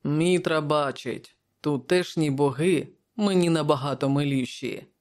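A narrator reading an audiobook voices a brooding barbarian king from the north in a gruff, grim manner, close to the reader's own voice. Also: mid-range voice, a little slow, darkish tone, lightly acted.

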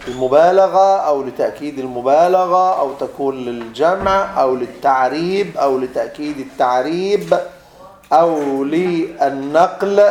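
A male teacher with an Egyptian accent lectures on grammar in a roomy, echoing classroom, his voice sitting a little high for a man. He keeps quizzing the class, repeats each point, and throws in teasing remarks to the students. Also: a little mellow. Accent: Egyptian Arabic. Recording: echoey classroom.

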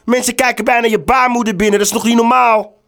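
A man making a prank call as a stern agency official, scolding and breaking into shouting. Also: very high-pitched, fairly even intonation, quick pace, smooth.

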